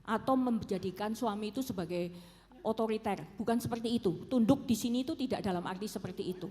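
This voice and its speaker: A woman preacher with a Javanese accent answers questions in an easy, conversational way and keeps checking in with her audience. Her voice is mid-pitched. The sound carries a long reverb from a church hall. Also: fast talker, warm tone. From Solo, Central Java. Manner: conversational, often checks in with "ya kan". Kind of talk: church Q&A talk.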